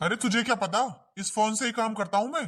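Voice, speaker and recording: A woman's voice: a little high, fast talker, a bit bright, natural voice. A woman playing a boastful, idle young husband. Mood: dismissive. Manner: dismissive, boastful. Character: lazy young husband, sure of phone winnings. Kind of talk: family drama skit.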